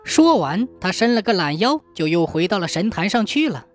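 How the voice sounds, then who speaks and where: A woman narrating a scripted folk tale in an expressive storytelling manner. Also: medium pitch, moderate pace. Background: faint background music.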